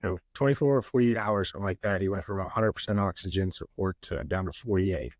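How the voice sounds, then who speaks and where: A man's voice: low-pitched, quick pace, dry recording, studio quality. A man joining his wife on a podcast, chiming in plainly to correct and add details, restarting as he works out numbers. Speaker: podcast co-host, husband. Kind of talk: casual conversation.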